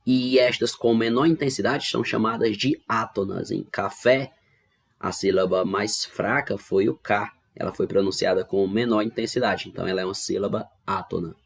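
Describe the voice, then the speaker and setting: His voice fairly low, husky, and touched with vocal fry, a man with a Brazilian Portuguese accent keeps a steady tone at normal speed. He's teaching a grammar lesson online from home, explaining patiently step by step and regularly checking that students understand.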